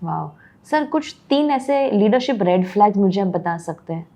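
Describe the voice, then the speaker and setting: A woman's voice: mid-range voice, animated, normal speed, dark tone. A woman with an Indian accent hosts a podcast interview, politely asking her guest questions and calling him sir. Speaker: podcast host.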